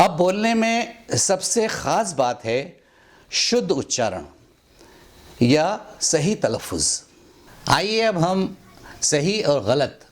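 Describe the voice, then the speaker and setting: Slow, deliberate male pronunciation teacher. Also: a little high. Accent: Hindi-Urdu. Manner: carefully enunciates and repeats words to contrast pronunciations. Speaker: language teacher. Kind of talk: slow, deliberate instructional explanation.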